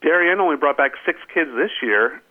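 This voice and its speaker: Fast-talking man on a tinny line. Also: a little high, animated. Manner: rambling, restarts often, says "I mean". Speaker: sportswriter guest. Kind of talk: casual sports chat.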